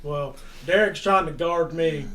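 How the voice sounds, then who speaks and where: A man telling stories in a casual podcast chat, animated and laughing as he acts out quotes. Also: on the high side, a little slow. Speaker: podcast host.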